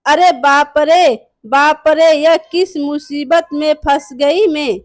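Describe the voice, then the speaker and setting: A woman's voice: high-pitched, slow pace, no room sound, clean studio sound. A woman voicing a bossy, harsh mother-in-law who scolds impatiently in a storybook tale. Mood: scolding.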